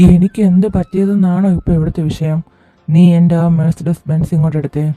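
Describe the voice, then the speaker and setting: A woman's voice: lowish voice, flat delivery, normal speed, dry recording, faint music behind, natural voice. A woman playing a drunken blustering husband. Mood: drunk, bossy. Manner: slurred, bossy shouting at wife. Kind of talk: fan audio drama acting.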